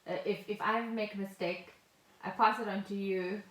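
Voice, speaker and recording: Her medium-pitched voice stays steady at a moderate pace as this middle-aged South African co-host explains things on a podcast, mixing casual chat with occasional reading from notes. The home recording has a roomy echo.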